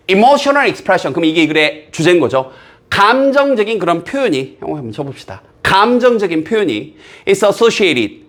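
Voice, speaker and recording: A man teaching an English reading passage in a recorded exam-prep lecture. His voice sits somewhat high and swings widely in pitch. He reads English phrases aloud slowly, then explains them at a quick clip.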